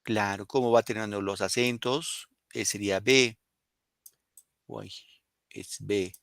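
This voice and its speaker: A man's voice: lowish voice, steady tone, takes it slowly, creaky, fairly bright tone, no echo. A male teacher with a Peruvian Spanish accent explaining a poem and questioning his students in a classroom lesson. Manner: explains and questions students, reads poems aloud.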